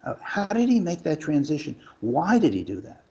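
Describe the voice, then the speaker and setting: A man calling in over a clipped, breaking-up phone line, asking a long, halting question with restarts. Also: on the high side, wildly swooping pitch, creaky, darkish tone. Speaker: call-in guest asking a question. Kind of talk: casual radio call-in.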